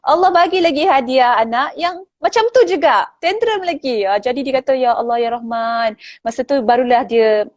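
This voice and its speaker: A woman, a guest in a casual book chat, retelling stories in a lively way with many fillers. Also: sits high, moderate pace, few pauses, no room sound, dull audio.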